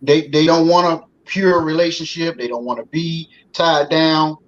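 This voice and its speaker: A man's voice: on the high side, fairly even intonation, unhurried. Man talking loosely on a talk show. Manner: loose, conversational, folksy with many fillers. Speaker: guest. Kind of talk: casual talk show conversation. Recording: slightly dull sound with faint noise.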